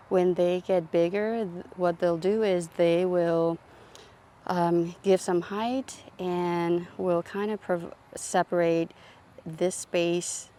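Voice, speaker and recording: A woman calmly narrating a casual tour of her home garden outdoors, explaining her plants as she walks. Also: on the low side. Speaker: gardening vlogger.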